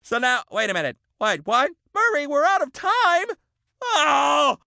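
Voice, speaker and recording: A man doing a hammy cartoon dog host, Rough Ruffman. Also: extremely high pitch, wildly swooping pitch, bright, forceful tone, dry recording, heavily acted. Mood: showy. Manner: hammy, flustered, quick to lose his temper. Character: excitable male dog hosting a bird show. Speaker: show host. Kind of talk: cartoon voice acting.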